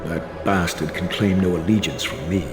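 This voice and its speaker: A male actor voices a vengeful undead wraith, speaking gravely and scornfully in a deep voice at normal speed, with a light touch of acting. His voice carries long reverb over game music.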